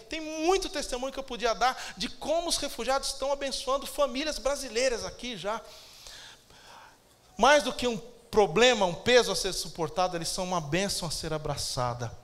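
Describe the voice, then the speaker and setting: A man's voice: high-pitched, a bit bright. A man with a Brazilian Portuguese accent preaching a sermon as pastor, emphatic and calling out to the congregation for amens.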